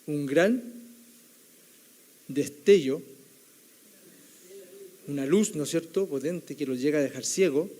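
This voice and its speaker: A young man delivers a sermon in a slightly high voice. His tone is mellow and warm rather than bright. He tells the story conversationally, often checking in with the listeners through a tag question. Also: slow, long pauses. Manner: keeps adding the tag question "right?", storytelling tone. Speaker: theology student preaching.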